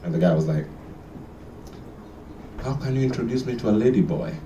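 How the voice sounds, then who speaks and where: A man's voice: on the low side, expressive, a little fast, mellow, reverberant, distant mic, dull audio, a little hiss or hum. A man from Kenya performing a stand-up comedy set, telling stories and acting out the dialogue. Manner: storytelling, acts out dialogue with shifting voices. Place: live comedy venue with audience.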